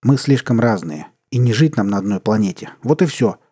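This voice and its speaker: A man voicing a calm, calculating male starship captain who speaks curtly in a read-aloud story. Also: lowish voice, a little fast, breathy edge. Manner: calm, curt, matter-of-fact.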